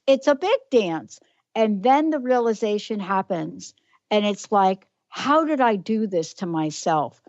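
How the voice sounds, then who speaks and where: A woman's voice: medium pitch, a little mellow, no room sound. A woman with a New York accent hosting a radio talk show, effusive and emphatic as she introduces and questions her guest. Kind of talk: casual radio interview. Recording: dull lo-fi radio audio, dry.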